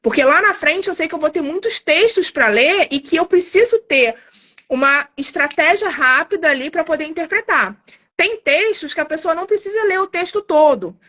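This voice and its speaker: A woman's voice: extremely high pitch, lively intonation, normal speed, bright, forceful tone. A woman guest on a live stream, explaining an exam in a chatty way, often tagging her sentences with little questions. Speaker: guest, TOEIC course creator.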